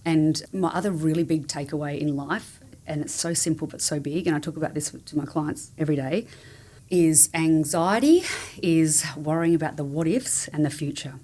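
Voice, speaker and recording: Low-voiced woman, earnest and candid. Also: normal speed, dark tone. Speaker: podcast guest, family support coach. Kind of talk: casual conversational interview.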